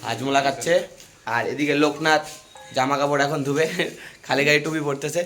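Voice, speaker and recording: A young man chatting to viewers while filming a casual phone vlog at home and on local roads, slightly hoarse. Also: fairly high pitch, little pitch movement, brisk, a bit bright, faint music behind. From India. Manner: chatty, addresses viewers as "guys". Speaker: vlogger.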